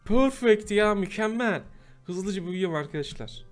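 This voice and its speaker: A man giving casual gameplay commentary, chatty and prone to loud, exasperated outbursts. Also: high voice, expressive, normal speed, faint music behind. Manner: chatty, bursts into loud exasperated shouting at mobs. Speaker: gameplay host. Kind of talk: casual Minecraft let's play commentary.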